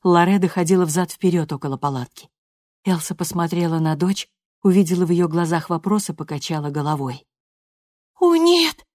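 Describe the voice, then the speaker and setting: Woman reading a novel aloud, low voice, dry close sound. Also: brisk, dark tone, no room sound. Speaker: audiobook narrator. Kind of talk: scripted narration.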